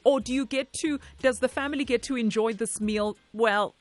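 A woman's voice: a little high, normal speed, no room sound. A woman hosting a radio phone-in with a South African accent, gushing and effusive as she hands out prize money. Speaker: radio host. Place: radio studio.

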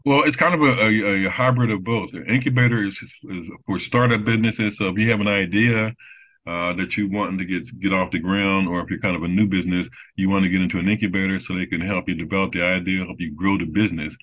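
Deep-voiced man, halting interview guest. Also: steady tone, fairly bright tone. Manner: halting, many restarts and fillers. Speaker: business development guest. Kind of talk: casual interview talk. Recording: dull lo-fi sound.

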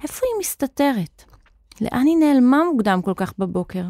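A woman's voice: a little high, animated, no echo, studio quality, pitched above the performer's own voice. A woman narrator voicing an anxious young boy apprentice who pleads and grows frantic in a children's audiobook. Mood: nervous. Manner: pleading, rising to frantic shouts.

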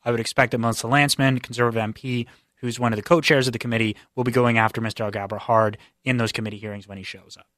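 A man, a political news reporter, explaining quickly on a radio show with many fillers. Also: medium pitch, fairly even intonation, fairly bright tone, no room sound, clean studio sound. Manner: rapid explanatory, filler-heavy. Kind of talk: radio interview guest.

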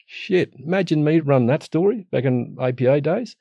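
Here a middle-aged Aussie guest airs his views in a blunt, casual rant full of tradesman-style mate talk and light cursing. His voice sits a little high with a dark tone and lively intonation at normal speed, and the recording is muffled with no room sound.

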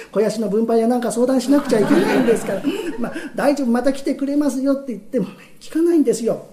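A man's voice: extremely high pitch, mellow. A man in a rakugo telling voicing a fawning young brothel attendant who talks in an overly polite, servile way. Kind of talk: rakugo storytelling.

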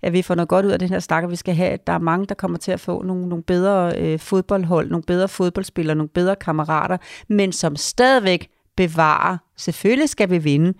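A woman chatting casually as a podcast co-host, giving steady, practical advice. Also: lowish voice, few pauses, dry recording, studio quality. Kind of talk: casual chat.

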